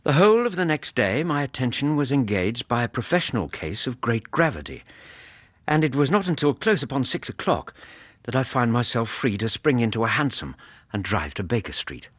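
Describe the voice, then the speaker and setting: An actor playing a genial, loyal gentleman doctor in a radio drama, with a British accent and a measured, literate manner. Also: medium pitch, sing-song, dry recording. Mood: measured storytelling. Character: Doctor Watson, genial male doctor, loyal companion and storyteller. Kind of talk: radio drama narration and dialogue.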